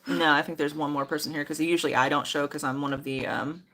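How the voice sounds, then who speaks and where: A middle-aged woman chatting casually about ghost hunting trips, relaxed and full of fillers. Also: low-pitched, fast, a little hiss or hum, poor audio. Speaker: mother and moderator of the stream. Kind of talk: casual chat.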